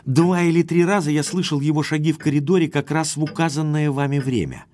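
An actor playing Sir Henry, a spirited, headstrong aristocratic baronet, with emphatic, well-bred phrasing in an audio drama. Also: male voice, a little high, brisk, mellow, natural voice. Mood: decisive, eager.

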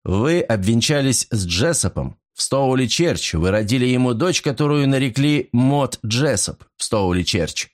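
A man's voice: mid-range voice, lively intonation, a little slow, hardly any pauses, pitched above the performer's own voice, close to an everyday voice. A man playing a stern, emphatic detective.

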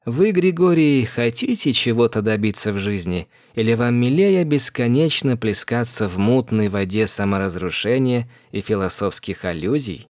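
A man voicing a cold, sharp-tongued woman who drawls each word dryly in an audiobook. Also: medium pitch, animated, no room sound, close to an everyday voice. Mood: probing. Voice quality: dry, measured drawl.

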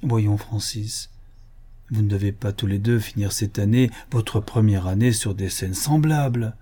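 A man reading the part of a gentle older mother, a countess, pleading affectionately with her future son-in-law. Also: on the low side, unhurried, breathy edge. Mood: tender pleading. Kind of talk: audiobook character reading.

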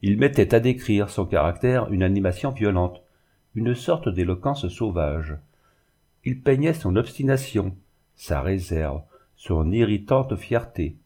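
A man narrating a classic novel in a measured, literary reading. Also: fairly low pitch, animated, dark tone. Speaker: audiobook narrator. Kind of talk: scripted narration.

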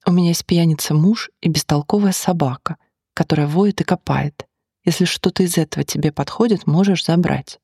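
An audiobook reader voicing an irritated, sharp-tongued barmaid who snaps from behind the counter. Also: mid-range voice, brisk, slightly rough, no echo, clean studio sound. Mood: snappish.

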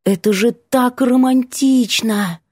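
A woman's voice: on the high side, slow pace, a little mellow, husky, dry recording, studio quality, pitched above the performer's own voice. A woman reading an audiobook, voicing a bubbly, cheeky young female student who gushes and teases. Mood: gushing. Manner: gushing, teasing.

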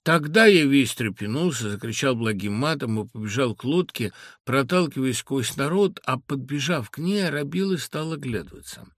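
A man's voice: lively intonation, moderate pace, dry recording, studio quality. A man reading a classic story aloud as narrator. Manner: acts out crowd voices with loud raised pitch. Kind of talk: literary audiobook reading.

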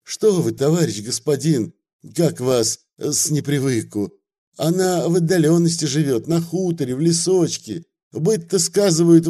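A stout, fawning village peasant man rattles on in rustic, obsequious speech, as a man reading a story puts him on. The voice sits noticeably higher and louder than the reader's own, with a mellow, warm color.

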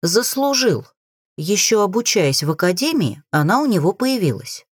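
A woman's voice: medium pitch, very animated, normal speed, breathy edge, dry recording, clean studio sound. Woman playing a cheeky persistent young mage. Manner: playful teasing, dashing grin in the voice.

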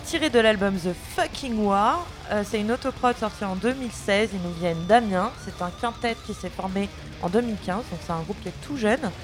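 Sex: woman. Role: rock radio co-host. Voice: mid-pitched. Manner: wry and teasing. Behind: music. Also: a little fast, hardly any pauses. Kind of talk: casual radio banter.

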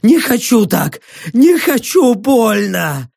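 A screaming dying prisoner. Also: male voice, sits high, very animated, very slow, gravelly, a little mellow, husky, dry recording, studio quality, heavily acted. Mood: sobbing. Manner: screaming, sobbing, begging. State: in agony. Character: dying male prisoner, terrified and cursing.

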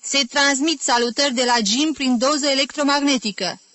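A cheeky young man, as a woman reader voices him on the phone, slipping into a stiff mock-announcer tone. The voice sits higher and a little louder than the narration. The recording is dry and close, with no room sound. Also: dry recording. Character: playful young man on a telephone. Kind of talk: audiobook reading.

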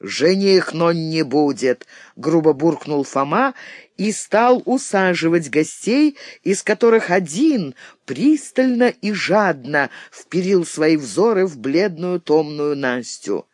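Woman audiobook narrator, slow and measured, lively intonation, dry close mic. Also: lowish voice, no echo. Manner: expressive storytelling. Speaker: audiobook reader. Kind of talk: scripted narration.

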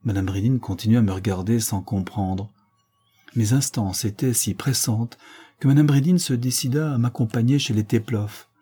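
A man reading a classic novella aloud as first-person narration, measured and sombre. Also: medium pitch, warm tone, breathy edge, soft background music. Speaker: audiobook reader.

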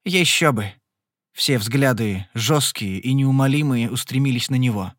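A man narrating an audiobook in an even, measured reading. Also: mid-range voice, dry recording. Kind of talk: scripted narration. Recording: dry close studio recording.

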